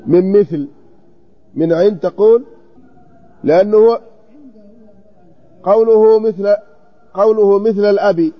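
Male grammar teacher, high voice, dull lo-fi recording, questioning and drilling students. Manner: questioning, checks students' copies, repeats vowel forms slowly. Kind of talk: classroom text study.

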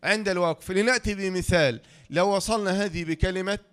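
A man with an Egyptian accent teaching a tajweed lesson, who asks the class questions, answers them himself, and slowly draws out the example sounds. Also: sits high, a bit bright, smooth. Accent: Egyptian Arabic. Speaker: Quran recitation teacher.

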